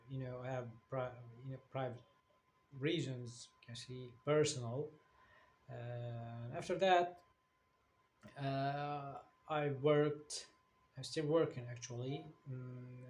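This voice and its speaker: A man from Syria, an English teacher, introducing his new channel in English as a second language, with frequent fillers and restarts. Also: mid-range voice. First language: Arabic. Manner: hesitant, many fillers and restarts. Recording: faint background noise.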